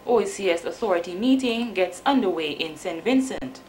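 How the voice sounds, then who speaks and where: A woman with a Dominican Caribbean accent reading the news in a formal, measured way. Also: mid-range voice, expressive, a little mellow, slight background noise, poor audio. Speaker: news presenter.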